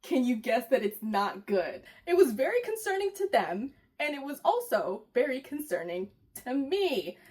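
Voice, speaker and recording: A woman's voice: high voice, sing-song, moderate pace, a little mellow, husky. A woman with a Chicago accent giving casual, exasperated commentary in a video essay, full of rhetorical questions. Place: home at night.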